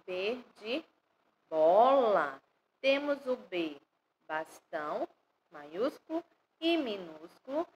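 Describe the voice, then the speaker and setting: A woman with a Brazilian Portuguese accent teaching first graders online, sounding out syllables slowly and stressing them loudly. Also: medium pitch, big pitch swings, dull audio, a little hiss or hum. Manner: slow, stresses syllables loudly when spelling. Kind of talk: online lesson for young children. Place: home or classroom, recorded for an online class.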